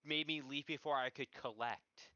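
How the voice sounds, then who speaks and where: A man playing a tabletop role-playing game, talking casually in character in a halting, complaining way. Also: medium pitch, steady tone, bright, forceful tone, no echo. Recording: dull, lo-fi sound.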